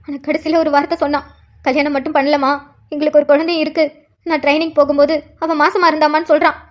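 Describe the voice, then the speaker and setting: Cartoon role: a woman playing an anguished mother, high and quick, pleading. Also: level tone, close to an everyday voice. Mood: anxious. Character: worried middle-aged mother, tearful.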